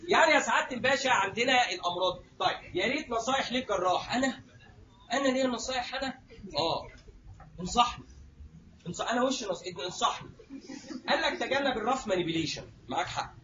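Egyptian male lecturer, quick and high, jokey, muffled recording. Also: lively intonation, bright, forceful tone, a little hiss or hum. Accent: Egyptian Arabic. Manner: jokey, acts out little scenes, addresses students directly. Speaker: surgery lecturer. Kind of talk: lively classroom lecture.

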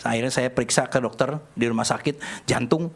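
A man's voice: mid-range voice, a little fast, gravelly. An older man preaching a sermon, telling a personal story in a chatty, joking way. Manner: chatty, jokey, acts out dialogue in animated voices. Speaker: pastor.

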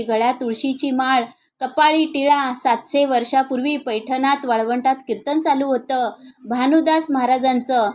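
A woman telling a devotional story in a dramatic, emotive narrating style. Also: sits high.

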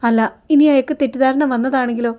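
A woman's voice: high voice, steady tone, fast talker, dark tone, lightly acted. A woman voicing a troubled young wife from a TV serial who confesses earnestly. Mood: upset.

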